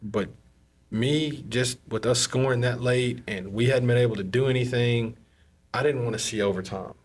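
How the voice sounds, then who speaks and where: Husky man telling football stories. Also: mid-range voice, normal speed. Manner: animated, laughs while telling stories. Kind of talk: casual chat.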